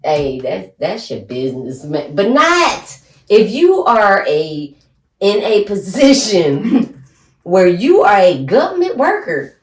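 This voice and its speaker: A woman's voice: mid-range voice, wildly swooping pitch, takes it slowly. A woman in her forties co-hosting a podcast, talking bluntly in a casual chat and laughing often. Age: 40s. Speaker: podcast co-host. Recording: roomy sound from a distant mic.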